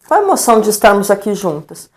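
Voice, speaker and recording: A woman's voice: medium pitch, very fast. A middle-aged woman with a Brazilian Portuguese accent, a guest educator telling stories in a live-stream interview and acting out the dialogue she quotes. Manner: lively storyteller, acts out quoted dialogue, frequent tag questions.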